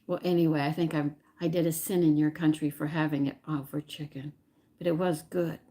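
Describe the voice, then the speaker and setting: This woman runs a home cooking live stream, talking informally with her audience and musing aloud as she tries to remember. Her deep, mellow voice is brisk and shows little pitch movement.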